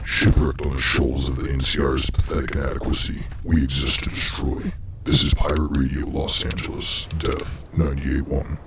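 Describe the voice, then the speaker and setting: A man playing a menacing pirate radio announcer, heard as a pirate radio broadcast in a game, declaiming in a grim, flat way. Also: a bass voice, moderate pace, pauses often.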